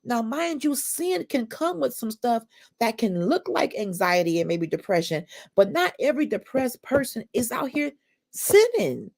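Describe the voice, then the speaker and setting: A woman's voice: a little high, sing-song, normal speed, creaky, darkish tone. A middle-aged woman hosting a faith-based talk show, speaking in an emphatic, preacherly way and calling listeners sisters. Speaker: podcast host.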